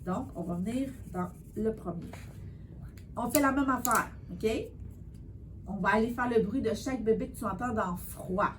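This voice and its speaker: A woman tutoring a child in spelling, patient and encouraging, sounding out words slowly. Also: a little high, slight background noise. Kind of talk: one-on-one spelling lesson.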